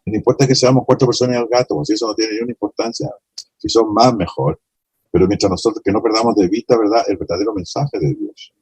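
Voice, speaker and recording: Man, sermon, very low husky voice, mellow and dry, impassioned. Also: steady tone, fast, no room sound, poor audio. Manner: impassioned, acts out the blind man's pleas. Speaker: preacher. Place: small congregation.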